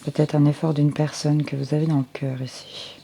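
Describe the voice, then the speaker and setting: A woman's voice: low voice, level tone, brisk, vocal fry, dark tone, a little hiss or hum. A woman giving a general tarot reading for viewers through a close headset mic, speaking unhurriedly with frequent hesitations and restarts. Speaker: tarot card reader.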